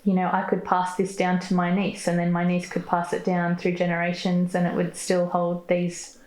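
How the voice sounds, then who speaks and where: A woman's voice: fairly low pitch, completely flat delivery, moderate pace, a little mellow. A woman interviewer who asks questions attentively and affirms what she hears. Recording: roomy echo.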